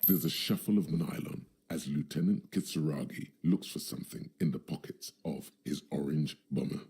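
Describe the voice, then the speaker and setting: A man's voice: extremely low pitch, normal speed, mellow, slightly rough, heavily acted. An actor voicing a sardonic, all-knowing male narrator in a video game, with dramatic narration.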